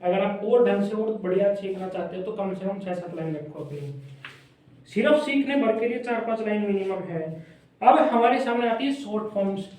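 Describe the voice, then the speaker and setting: A man teaching a shorthand lesson at a whiteboard, drilling words by repeating them slowly. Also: sits high, a little mellow. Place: classroom with whiteboard. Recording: very echoey room, mic far off.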